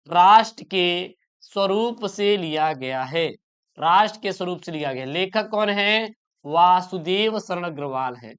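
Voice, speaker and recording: A young male teacher with a smooth, clear voice that sits fairly high. He runs an exam revision lesson in a chatty way, firing off questions and repeating each answer. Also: fairly bright tone.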